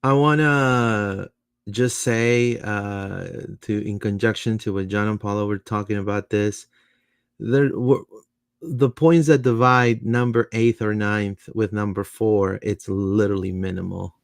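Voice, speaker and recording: A man's voice: fairly low pitch, steady tone, measured pace, creaky, smooth, dry recording, clean studio sound. A man co-hosting a soccer fan show, talking casually and a little hesitantly, with fillers as he builds his points. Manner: hesitant, chatty, reads fan comments aloud. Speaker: podcast co-host. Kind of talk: casual sports talk.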